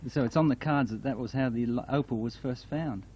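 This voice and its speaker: A man interviewing someone casually, asking gentle questions and often acknowledging the answers. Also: mid-range voice, brisk. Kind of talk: casual oral history interview. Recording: dull, noisy field interview tape.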